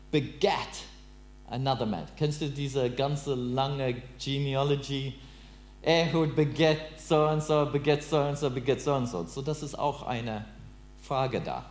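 A man whose first language is English, preaching in halting, broken German and quizzing his listeners. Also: fairly high pitch. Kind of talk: interactive sermon. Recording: roomy with mains hum.

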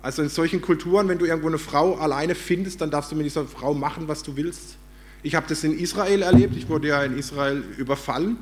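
A man's voice: a little high, fast. A man from Germany preaching a sermon, telling a story with animation and acting out the voices he quotes.

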